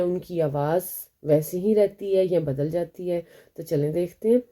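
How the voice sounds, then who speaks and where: A female Arabic teacher with a Pakistani Urdu accent gives a beginner language lesson in a lowish, dark-toned voice. She explains step by step, poses questions and answers them herself, and slows down to spell out each letter sound.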